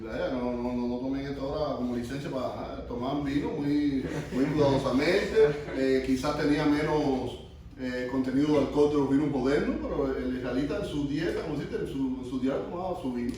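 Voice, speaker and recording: A man teaching a sermon to young people, stopping often to quiz them and starting his phrases over. His voice sits at a middle pitch and comes from some distance away, caught in a very echoey room with a faint hiss underneath. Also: a little fast, warm tone. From Cuba. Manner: asks the group questions, restarts often. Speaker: youth pastor. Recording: echoey room, mic from far off.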